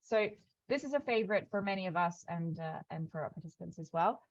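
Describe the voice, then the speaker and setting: A woman walking a new cohort through a program schedule on an online call, talking quickly with frequent fillers and restarts. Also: on the low side, animated, no room sound, dull audio. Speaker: program staff presenting onboarding. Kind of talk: online onboarding call walkthrough. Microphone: video call.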